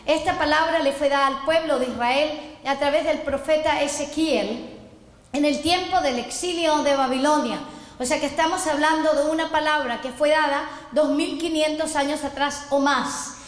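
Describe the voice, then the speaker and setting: In this sermon lesson, a messianic apostle, a middle-aged woman from Chile, reads scripture and leads listeners in repeating after her. Her voice sits high with fairly even intonation at a moderate pace, echoing through a roomy hall.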